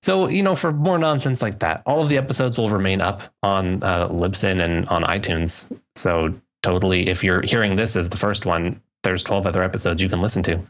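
A young man with a very deep voice co-hosts a casual podcast. He rambles loosely and often circles back to restart his thoughts. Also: a little fast, few pauses, fairly bright tone. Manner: rambling, self-correcting, loose. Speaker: podcast co-host.

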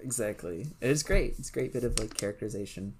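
A man co-hosting a podcast in casual chat, animated and swearing. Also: medium pitch, fast talker, crowd noise. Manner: laughs often, animated, swearing. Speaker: podcast co-host.

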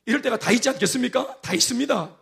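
Gravelly, high-voiced pastor with a Gyeongsang accent. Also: male voice, quick pace. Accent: Gyeongsang dialect. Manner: animated storytelling with acted-out quotes. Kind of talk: sermon.

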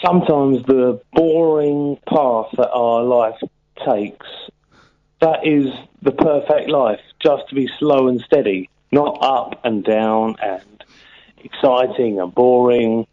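Guy calling in on the phone, tinny line, slow and earnest, mid-pitched voice. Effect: over the phone. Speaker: caller. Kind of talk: casual phone-in call.

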